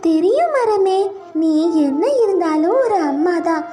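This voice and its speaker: A woman doing an eager high-pitched little girl. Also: lively intonation, measured pace, mellow, soft background music. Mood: eager, kind. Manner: eager, coaxing. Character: sweet, stubborn, kind little girl. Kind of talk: cartoon storybook voice acting.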